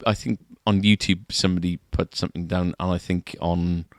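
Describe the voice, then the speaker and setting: A man's voice: sits low, little pitch movement, brisk, no echo, studio quality. A man co-hosting a shop podcast, chatting casually and often ending remarks with tag questions. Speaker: podcast co-host at a guitar shop. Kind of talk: casual chat. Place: shop, indoors.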